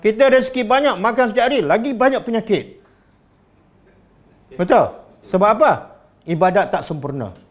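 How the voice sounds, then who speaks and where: This Malaysian Malay-accented man preaches in a high-pitched voice, pausing at length between lively rhetorical questions aimed at his listeners. His religious lecture moves at a moderate pace.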